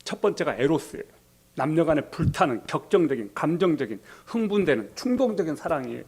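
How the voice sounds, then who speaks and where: A man preaching a sermon as pastor, telling the story and acting out quoted lines in a softer, lower voice. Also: very animated, quick pace, breathy edge.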